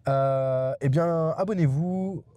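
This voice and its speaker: A man's voice: fairly high pitch, takes it slowly, mellow, no room sound. A young adult man vlogging from inside a car, rambling and digressive, with many hesitations and restarts. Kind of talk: rambling casual monologue.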